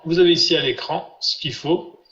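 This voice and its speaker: A man's voice: a little high, fairly bright tone. Patient male teacher drilling syllables. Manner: patient, repeats syllables slowly for students. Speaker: Biblical Hebrew teacher. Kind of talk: live online class. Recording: roomy, dull lo-fi sound.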